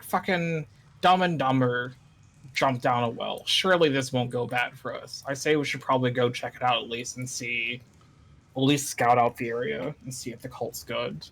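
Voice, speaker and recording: A man's voice: mid-range voice, fairly even intonation, moderate pace, a bit bright. A man playing a tabletop game, talking loosely and casually, joking and swearing as he recaps and plans. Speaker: player.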